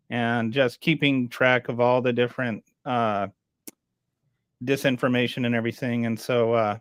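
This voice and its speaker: A man hosting a podcast, introducing his guest casually and haltingly with filler words. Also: mid-range voice, smooth, no room sound, clean studio sound. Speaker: podcast host. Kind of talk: casual interview chat.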